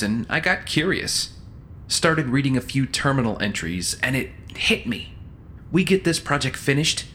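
Man playing smooth, condescending schemer, bright voice. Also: mid-range voice, slight background noise. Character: calm, self-assured male schemer defending his ruthless plan. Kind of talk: scripted audio drama acting.

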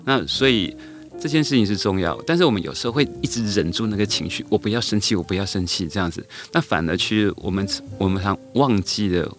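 A middle-aged man, a teacher guest on a podcast, tells a story unhurriedly, with many hesitant fillers and restarts. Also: deep voice. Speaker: guest, elementary school teacher.

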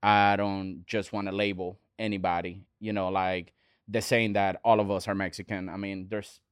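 A man, a restaurant owner talking as a guest in an earnest, halting way with many restarts. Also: low-pitched, little pitch movement, clear, resonant tone, dry recording, clean studio sound. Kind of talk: casual interview talk.

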